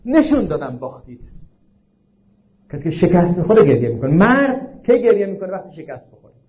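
A male preacher giving a religious sermon, asking the audience frequent rhetorical questions and slowing down to stress quoted lines. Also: high-pitched, sing-song. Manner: slows down to recite and stress quotations. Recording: dull lo-fi recording.

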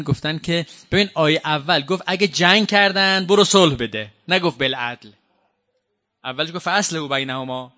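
Bright-voiced male preacher, high pitch. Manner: conversational, addresses audience directly with questions. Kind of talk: sermon with Quran exegesis.

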